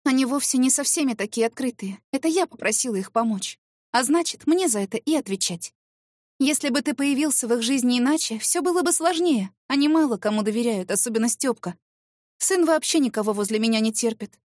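A woman voicing a flustered, defensive young secretary who pleads and exclaims in a high, shrill voice. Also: lively intonation, brisk, darkish tone, dry recording, clean studio sound. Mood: quiet, earnest.

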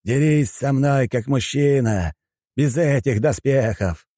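A man voicing a furious, ruthless admiral who speaks slowly and thunders his words in an audiobook. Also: mid-range voice, dark tone, dry recording, clean studio sound, voice pushed up, close to an everyday voice. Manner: slow, thundering, drawn-out delivery. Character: furious aging male admiral, booming and ruthless.

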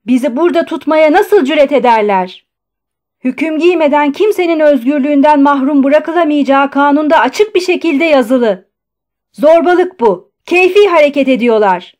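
A woman reader voicing a furious male asylum inmate who shouts in indignant outrage. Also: high-pitched, measured pace, pauses often.

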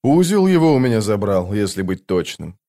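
A man's voice: lowish voice, sing-song, moderate pace, warm tone. A man voicing a grim, hardened soldier captain who speaks coldly and curtly in an audiobook. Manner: cold, curt, threatening.

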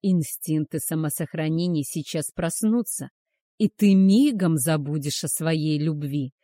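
A woman voicing a cruel, arrogant male werewolf hunter, who speaks with loud, growling menace. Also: low-pitched, measured pace, no room sound, studio quality. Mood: menacing.

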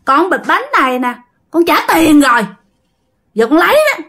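A woman's voice: high-pitched, very animated, normal speed, a bit bright, voice pushed up, exaggerated voice. A woman with a Southern Vietnamese accent voicing the ghost of a young girl who pleads and then threatens, repeating herself. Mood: threatening.

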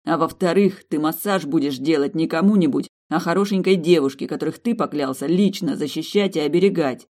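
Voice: medium pitch, brisk, hardly any pauses, darkish tone, close to an everyday voice. Stern vampire man, commanding and short-tempered, read by the audiobook narrator. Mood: firm. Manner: commanding, curses under pressure.

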